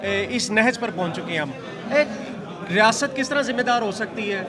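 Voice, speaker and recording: High-voiced reporter questioning over a crowd. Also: male voice, animated. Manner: earnest, searching questions with pauses. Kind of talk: street interview questions.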